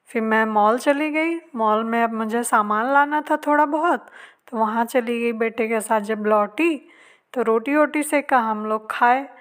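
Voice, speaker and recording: A middle-aged woman with a North Indian Hindi accent, quietly narrating her day at home in a slow, soft voice-over. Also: fairly high pitch. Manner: speaks softly and slowly so as not to disturb. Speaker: family vlogger. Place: room at home, indoors.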